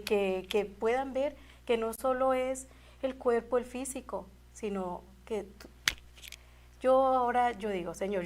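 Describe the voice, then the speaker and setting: With a fairly high pitch and a darkish tone, a guest woman tells a moving testimony of faith. She speaks from the heart with earnest sincerity, circling back to repeat and restart her phrases.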